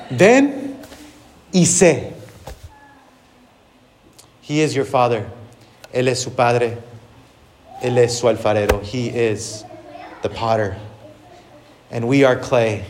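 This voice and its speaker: A man preaching a sermon and translating himself line by line, earnest, with lively rises on key words. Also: medium pitch, a little hiss or hum. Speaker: pastor.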